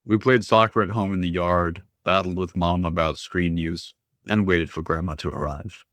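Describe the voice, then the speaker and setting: Deep-voiced guy narrating a storybook, dry close mic, calm and steady. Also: normal speed, dry recording. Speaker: audiobook reader. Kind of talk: scripted first-person narration.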